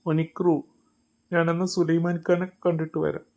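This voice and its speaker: A woman voicing a gentle father home on a short visit, who speaks in a soothing, reassuring way to his children. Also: fairly low pitch, flat delivery, normal speed, pitched below the performer's own voice, natural voice.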